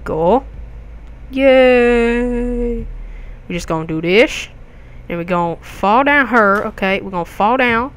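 A young man hosting a gaming video, giving jokey, excitable commentary with crude outbursts as he plays. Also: very high-pitched, slow pace, long pauses, slight background noise. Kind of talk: gameplay commentary.

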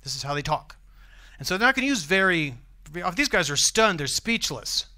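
A man's voice: high-pitched, very animated, normal speed, sharp tone. A man with an American accent preaching a sermon in a church, conversational and often asking the congregation questions. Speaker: pastor.

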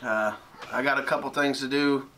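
A laid-back man with a plain, drawling way of talking and an everyday middle pitch, chatting easily with his son. He speaks inside a small wood-heated cabin, and faint background noise sits under his voice. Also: fairly even intonation, normal speed, pushed and bright. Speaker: outdoors vlogger. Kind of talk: casual chat with his son.

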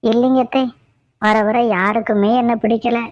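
A woman's voice: a little high, fairly even intonation, moderate pace, no room sound, close to an everyday voice. Woman voicing a sulky cartoon daughter-in-law. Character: young daughter-in-law, mopey and sly. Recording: dull lo-fi dry audio.

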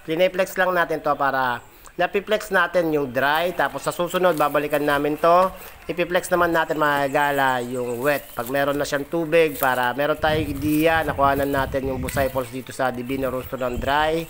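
A man's voice: fairly high pitch, fairly even intonation, normal speed, a bit bright, slight background noise. A man vlogging on a rural forest trail, guiding his viewers along and calling out to them again and again as he walks. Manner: calls viewers "mga kagala" constantly. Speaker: travel vlogger. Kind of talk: casual guiding narration.

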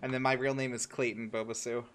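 A man's voice: mid-range voice, flat delivery, fast talker, fairly bright tone, smooth, faint music behind. A man co-hosting a live gaming stream, chatting casually, laughing and swearing as he reacts to the game. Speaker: streamer co-host.

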